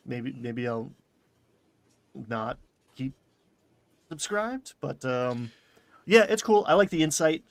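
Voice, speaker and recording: A man's voice: mid-range voice, no echo. A man co-hosting a casual podcast chat, chatty and joking. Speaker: podcast co-host.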